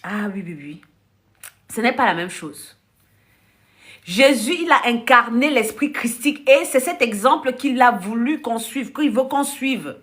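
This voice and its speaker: Bright-voiced woman coaching on a live stream. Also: on the high side, measured pace. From Africa. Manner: animated storytelling with frequent laughter, acting out dialogue; blunt, direct addressing of the audience. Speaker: life coach. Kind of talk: casual live-stream monologue.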